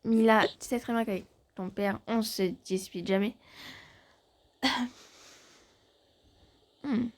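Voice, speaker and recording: A woman's voice: a little high, steady tone, takes it slowly, pauses often. A woman voicing several family characters in a home-made fan drama, shifting her voice between the parts as they banter.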